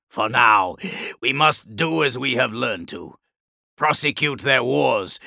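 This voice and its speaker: Gravelly, tense, slow-spoken wounded commander, cold and bitter, as a male narrator puts him on in a storybook reading. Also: medium pitch, sharp tone, no echo, clean studio sound, exaggerated voice. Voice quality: raspy, gravelly. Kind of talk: audiobook character voice.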